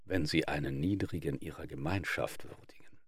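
A man reading old fables aloud in a measured, expressive narration. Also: extremely low pitch, husky, no echo, studio quality. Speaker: audiobook reader.

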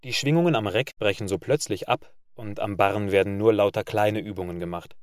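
A man narrating a literary story in a measured reading voice. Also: lowish voice, no room sound, clean studio sound. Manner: measured reading, loud barked commands for characters.

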